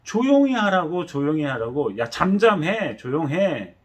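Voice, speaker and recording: A man's voice: sits high, very animated, moderate pace, fairly bright tone, voice pushed up. A man voicing an irritated crowd that snaps and rebukes a noisy beggar, in a sermon. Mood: annoyed scolding. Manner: snapping, rebuking. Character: scolding crowd of irritated townspeople.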